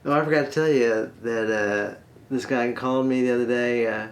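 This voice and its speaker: A man tells a long joke in a folksy, unhurried way. His voice sits in the middle of the range, and he drags the story out for effect. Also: medium pitch, fairly even intonation, slight background noise. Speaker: comedy storyteller host.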